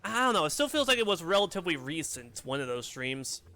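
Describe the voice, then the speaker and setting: A man streaming a video game, chatting casually in an animated, rambling way and laughing often. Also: fairly high pitch, quick pace. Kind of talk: casual gameplay commentary. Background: soft game music.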